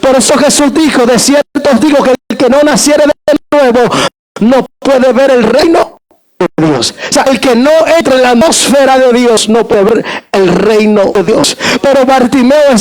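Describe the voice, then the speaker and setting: High-voiced man preaching a fiery sermon. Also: normal speed, low-quality recording. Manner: preaching with shouted emphasis and repeated calls to the congregation. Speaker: pastor.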